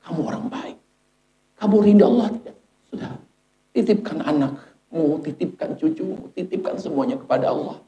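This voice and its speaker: A man voicing a calm, persuasive male angel of death who asks soft, coaxing questions. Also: high voice, a little fast, long pauses, voice pushed up, close to an everyday voice. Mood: gentle coaxing. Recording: echoey hall.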